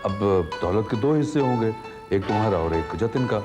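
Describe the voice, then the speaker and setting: A man's voice: lowish voice, animated, normal speed, natural voice. A man playing a greedy scheming husband. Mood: probing. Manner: probing, defensive. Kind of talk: TV serial acting. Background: loud background music score.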